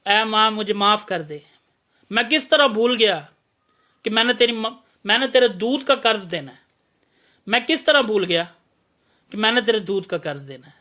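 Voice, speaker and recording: A man's voice: high voice, animated, moderate pace, long pauses, sharp tone. Man voicing a remorseful grown son. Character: remorseful grown son begging his mother's forgiveness.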